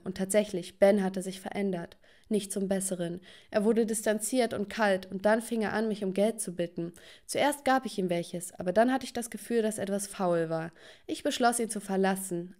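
A woman's voice: mid-range voice, a little mellow. A woman narrating a scripted first-person story with dramatic, emotional delivery.

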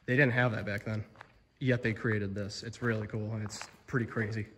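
A man's voice: on the low side, little pitch movement, moderate pace, fairly bright tone, a little hiss or hum. Young man vlogging in an echoing cavern. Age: young adult. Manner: chatty, amazed, lots of fillers. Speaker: explorer vlogger. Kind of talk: casual exploring vlog. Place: abandoned stone quarry cavern. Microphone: phone held at arm's length. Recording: long cavern reverb.

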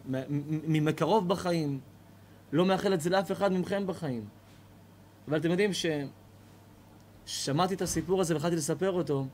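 High-voiced rabbi telling a story. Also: male voice, a little hiss or hum. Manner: animated storytelling, repeats phrases. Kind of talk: storytelling lesson. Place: lesson hall with a live audience.

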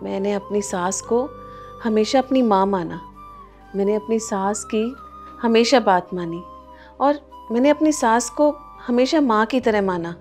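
An actress playing a gentle, patient older mother-in-law in a family short film, speaking softly and meekly. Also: medium pitch, measured pace, faint music behind, close to an everyday voice. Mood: gently lecturing. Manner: soft-spoken, meek, turns lecturing when moved.

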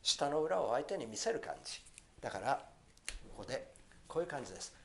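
Lively pronunciation teacher, a man. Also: mid-range voice, vocal fry, slight background noise. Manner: lively, switching between slow, careful English and quick, chatty Japanese. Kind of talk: pronunciation lesson.

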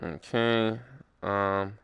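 Excitable young man gaming, gravelly voice. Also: fairly low pitch, drawn-out words, no room sound. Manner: excitable, profane, bursts into shouts. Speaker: streamer playing with friends. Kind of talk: casual gaming commentary.

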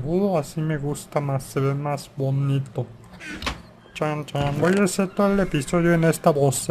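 A man's voice: fairly high pitch, darkish tone, a little hiss or hum, pitched above the performer's own voice. A man putting on a silly, sing-song, lovestruck voice during his gaming commentary.

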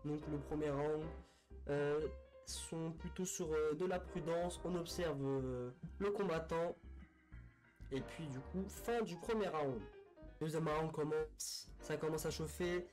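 A man's voice: fairly high pitch, slow pace, darkish tone, poor audio. A man telling a sports history story in a casual, unscripted way, with a lot of fillers and restarts. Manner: hesitant, full of fillers and restarts. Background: faint music.

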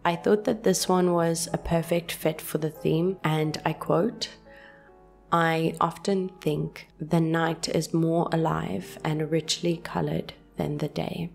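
A woman calmly narrating a scripted voice-over for her journaling video in a soft, gentle, unhurried way. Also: on the low side, gravelly. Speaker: journaling channel host. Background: soft background music.

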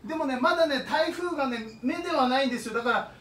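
A man playing a flustered typhoon reporter in an improvised comedy sketch, shouting as if over strong wind. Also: very high-pitched, fast talker. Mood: strained, reporting. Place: indoor music rehearsal room. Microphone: camera across the room. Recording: roomy, distant phone-camera pickup with faint noise.

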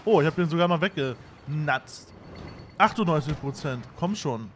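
A man giving casual gameplay commentary, excitable and self-mocking, shouting at his own fails. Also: fairly high pitch, normal speed, heavy background noise. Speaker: gaming YouTuber. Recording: game sounds behind.

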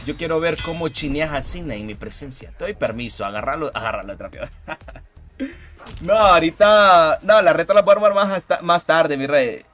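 A man livestreaming a fighting game, reacting loudly to the matches and greeting viewers in chat by name with casual slang. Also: fairly high pitch, animated, normal speed. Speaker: streamer. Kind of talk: live gameplay commentary. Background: game music.

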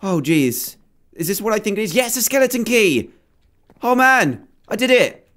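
Excitable gamer, lively pitch. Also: male voice, normal speed. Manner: excitable, animated, jumpy exclamations. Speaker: gaming video host. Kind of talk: playing a video game with live commentary.

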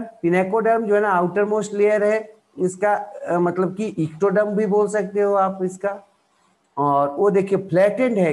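A man's voice: high-pitched, a little mellow. A man with an Indian accent teaching a biology lesson. He asks questions and answers them himself, with many fillers and restarts. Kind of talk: explanatory lecture in Hindi.

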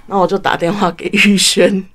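A woman's voice: medium pitch, level tone, brisk, a bit bright. A woman in her twenties with a Taiwanese Mandarin accent, a student guest chattily telling a story in a radio studio, chaining her sentences with run-ons. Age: 20s. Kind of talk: casual storytelling in a radio interview.

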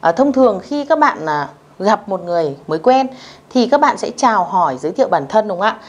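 A woman's voice: medium pitch, big pitch swings, darkish tone. Patient woman teaching a language class. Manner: patient, repeats phrases slowly, checks in with "được chưa?". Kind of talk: beginner language lesson.

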